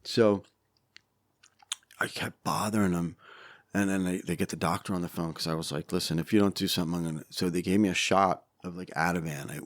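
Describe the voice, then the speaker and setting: A man's voice: low voice, fairly quick. A middle-aged man, a podcast guest, telling stories in casual interview talk, acting out quotes with frequent swearing. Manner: animated storyteller, acts out quotes, frequent swearing.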